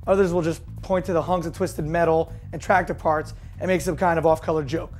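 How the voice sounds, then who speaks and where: A hoarse woman hosting a daily car news show, reading scripted news with jokey deadpan asides. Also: sits low, fairly quick, soft background music. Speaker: host.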